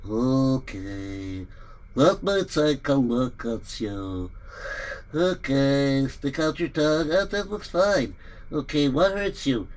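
A man voicing a calm, puzzled doctor who speaks low and hesitantly. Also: takes it slowly.

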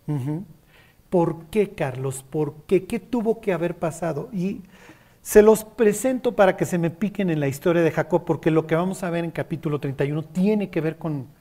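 Warm and mid-range, this voice belongs to someone teaching a Bible study to a group. The speaker keeps checking that everyone follows along and dramatizes the quoted scripture.

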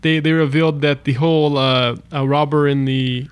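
A man co-hosting a casual podcast chat, telling things in a halting, excited, giggly way. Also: on the high side, clear, resonant tone. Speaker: podcast co-host. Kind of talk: casual chat about comic books.

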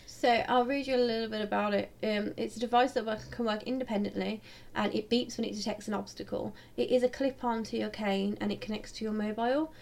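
Woman, somewhat high pitch, podcast co-host, casual chat, informal, jokey. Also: steady tone, brisk, vocal fry, few pauses, darkish tone.

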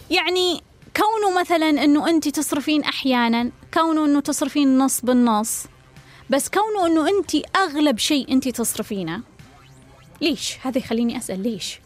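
A woman giving relationship advice, blunt and direct, firing repeated pointed questions. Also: sits high.

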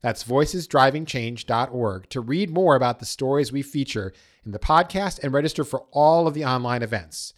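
A man hosting a podcast, reading a scripted introduction in an even, announcer-like way. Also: medium pitch, normal speed, few pauses. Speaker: podcast host.

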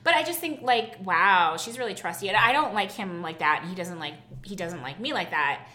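Woman, comedy show co-host; bright, lively, rambling delivery; echoey room. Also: mid-range voice, fairly quick. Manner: chatty, peppers speech with "like". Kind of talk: improvised comedy chat.

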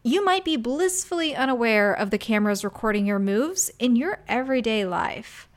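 A woman's voice: fairly high pitch, lively intonation, normal speed. A woman hosting a true crime podcast, narrating a scripted story in a conversational way as a true crime narrator.

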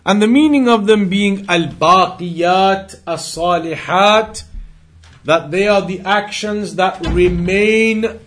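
A religious teacher with a high-pitched, slightly bright voice gives an Islamic lesson, taking his time. He recites Arabic quotations and explains them in English, emphatically repeating and rephrasing his points.

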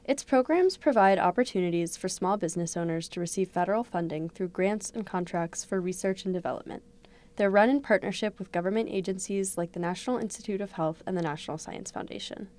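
Woman reporter, quick delivery, informative. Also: medium pitch, darkish tone. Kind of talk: news interview answers.

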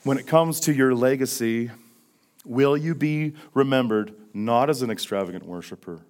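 A man preaching a sermon as pastor, swinging between loud emphasis and hushed questions, with many rhetorical questions. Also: medium pitch, moderate pace. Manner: repetitive rhetorical questions, frequent "right?".

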